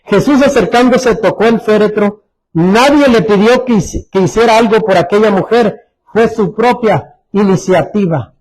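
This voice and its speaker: A man preaching a sermon as pastor, Mexican Spanish accent, repeating phrases and dropping to soft, low tones for emphasis. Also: moderate pace, rough recording. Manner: repeats phrases, restarts words.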